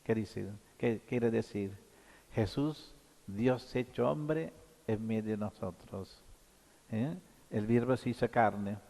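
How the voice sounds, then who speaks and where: A man preaching a halting sermon as priest at Mass, often pausing on short tag questions. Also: fairly low pitch, gravelly, mellow, in a large hall. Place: church.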